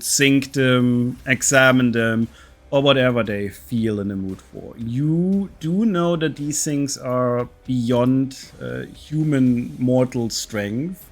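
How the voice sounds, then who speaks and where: A man narrating a tabletop game as game master, slow and often laughing. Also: medium pitch.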